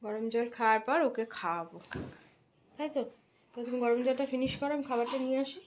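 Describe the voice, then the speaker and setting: A young woman with a slightly high voice narrates her morning at home for a family vlog. She chats along casually, walking viewers through each thing she does. Her tone stays easygoing. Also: lively intonation, quick pace, noisy background. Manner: chatty, explains each step to viewers. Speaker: vlog host and mother.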